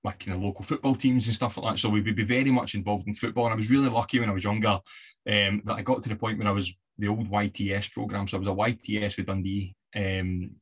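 A man's voice: on the low side, steady tone, quick pace, slightly rough. A Scottish man from the west of Scotland, a podcast guest chatting casually and telling stories with easy fillers. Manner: chatty storyteller with fillers and laughs. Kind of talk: casual interview chat.

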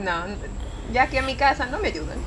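Young Dominican woman, emphatic casual chat, high-ish voice, voices chattering behind. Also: expressive, a little fast, crowd noise. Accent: Dominican Spanish. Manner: emphatic, quotes herself.

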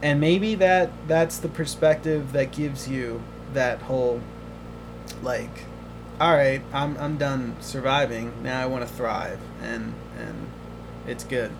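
A man hosting a podcast in casual chat, emotional and halting, often restarting his words. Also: medium pitch, steady tone, background noise. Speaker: podcast host.

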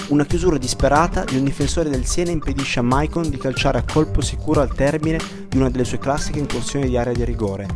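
A man narrating a scripted football story in a dramatic, literary manner. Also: mid-range voice.

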